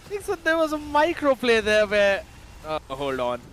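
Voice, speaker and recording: A man's voice: high-pitched, wildly swooping pitch, normal speed, a bit bright. A man giving casual color commentary and analysis on a mobile esports match, slangy and chatty.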